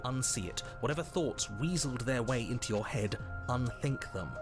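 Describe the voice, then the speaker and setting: An actor playing a solemn, ominous narrator in a dark fantasy video game, speaking in a measured, scripted way straight to the listener. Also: male voice, medium pitch, animated, natural voice. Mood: stern, urgent. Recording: loud music underneath. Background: game music.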